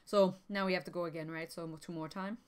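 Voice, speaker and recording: A woman's voice: fairly low pitch, fairly even intonation, quick pace, a little hiss or hum. Woman streamer figuring out game rules. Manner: thinking aloud, many fillers, frequent laughs. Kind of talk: casual chat while learning a board game.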